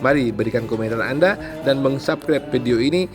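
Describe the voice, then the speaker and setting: A man's voice: medium pitch, a little fast. A man reading a scripted promotional news narration as a channel's narrator. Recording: music bed behind the voice. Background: music.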